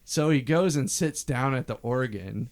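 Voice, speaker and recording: A man's voice: mid-range voice, animated, unhurried. A man co-hosting a casual podcast about an old album, telling rambling stories and imitating voices he talks about. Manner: rambling storyteller, mimics singing and quotes. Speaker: podcast co-host.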